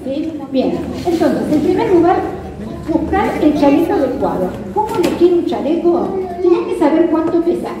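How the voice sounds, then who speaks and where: Speaking with an extremely high, sing-song voice at a moderate pace, a middle-aged kayak fishing safety instructor with a Rioplatense Argentine accent teaches a seated audience in a large club hall with hard floors. She keeps checking in with question tags. Her handheld mic feeds the PA, and a distant camera captures echoey, far-off sound with crowd murmur.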